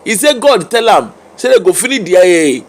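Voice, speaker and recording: A man's voice: sits high, big pitch swings, moderate pace. A Nigerian man giving informal opinion commentary in Nigerian Pidgin mixed with English, challenging with repeated rhetorical questions.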